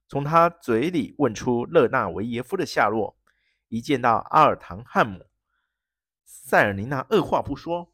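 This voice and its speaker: A storyteller reading an adventure story aloud with an expressive, dramatic delivery. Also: mid-range voice, dry recording, clean studio sound. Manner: lively, expressive.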